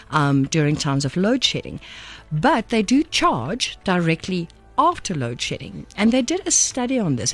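Lively South African woman explaining on radio. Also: on the low side. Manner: switches between English and Afrikaans. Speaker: radio news presenter. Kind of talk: casual explanatory radio talk.

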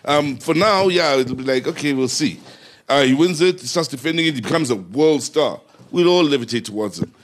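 A South African man on a sports panel talks over his upbringing in an easy, reflective way. His voice sits at an ordinary middle pitch. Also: animated, a little fast. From Free State, South Africa. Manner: reflective storytelling. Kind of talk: casual panel discussion.

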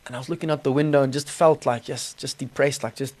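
A man's voice: medium pitch, fairly even intonation, quick pace, a little mellow. A man with a South African accent giving a personal testimony in an informal, earnest, conversational way with colloquial slang. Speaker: podcast guest telling his testimony. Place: small studio.

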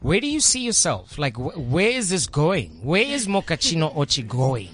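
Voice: medium pitch, wildly swooping pitch, moderate pace, a bit bright. An interview host asking questions and chatting casually with the guest.

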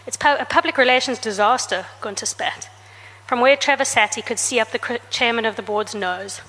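A woman author reading from her comic novel to an audience, changing her voice for each character's lines. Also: a little fast. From South Africa. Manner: reads dialogue with shifts in pitch and loudness for each character. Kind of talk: book talk with a reading. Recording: reverberant hall.

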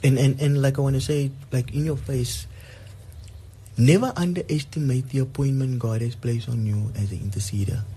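A man's voice: medium pitch, moderate pace, warm tone, a little hiss or hum, poor audio. A man with a South African accent giving casual devotional talk, earnest and emphatic, repeating words to drive his point home.

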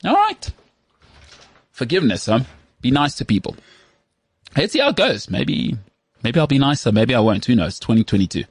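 Thirtysomething guy, husky voice, rambly and self-mocking, dry close mic. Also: mid-range voice, big pitch swings, normal speed, pauses often, no room sound. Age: 30s. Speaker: podcast host. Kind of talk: casual chat.

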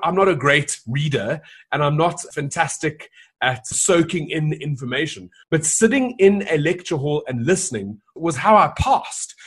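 A man's voice: a little high, breathy edge. A man hosting a podcast, upbeat and enthusiastic as he introduces and questions his guests. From South Africa. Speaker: podcast host. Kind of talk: podcast interview.

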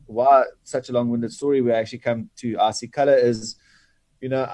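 A South African man with an Afrikaans accent, a native Afrikaans speaker, explaining himself earnestly and haltingly in an interview. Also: medium pitch, steady tone, a little mellow, no room sound. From Bloemfontein, South Africa. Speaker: guest, sports franchise chief executive. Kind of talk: reflective interview talk.

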